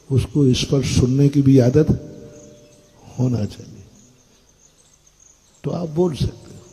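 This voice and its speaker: An older man, a Jain monk, preaches a sermon to an audience in a blunt, scolding manner, putting questions to his listeners. His medium-pitched voice is mellow with a breathy edge, and the recording is rough.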